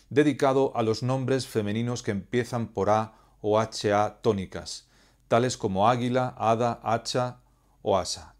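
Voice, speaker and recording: A man teaching Spanish grammar, explaining rules in a measured, clear, didactic way. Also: medium pitch, a little mellow. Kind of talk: scripted educational explanation.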